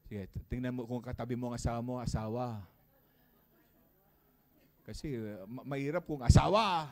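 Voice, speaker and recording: A man preaching a sermon as pastor of a church, calling out to the congregation and shouting praise. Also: medium pitch, normal speed. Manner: preaching with call-and-response and shouts.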